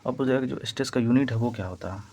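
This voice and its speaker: A man's voice: mid-range voice, rapid-fire, dark tone, slight background noise. A man teaching an exam-prep physics lesson, explaining step by step and repeating key points. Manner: repetitive, explaining step by step while writing.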